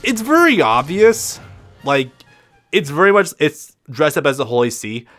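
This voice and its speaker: A man's voice: a little high, big pitch swings, measured pace, a bit bright, soft background music. A man with a lisp giving casual, rambling gameplay commentary as a let's play host, swearing freely and restarting his sentences often. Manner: rambling, profane, frequent restarts.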